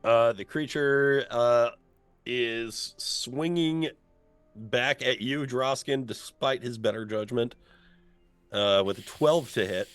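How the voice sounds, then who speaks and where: A man's voice: medium pitch, takes it slowly, clear, resonant tone, no room sound, faint music behind. A man acting as game master of a tabletop role-playing game, talking casually as he narrates and rules on play.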